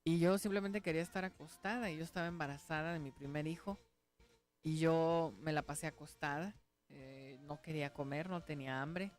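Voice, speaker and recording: A woman's voice: low-pitched, steady tone, a little fast. A woman pastor, giving a conversational radio sermon and testimony, earnest, often checking in with her listeners.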